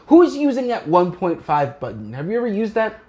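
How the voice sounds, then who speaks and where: A woman co-hosting a casual podcast, teasing and chiming in quickly. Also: mid-range voice, very animated, dark tone. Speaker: podcast co-host.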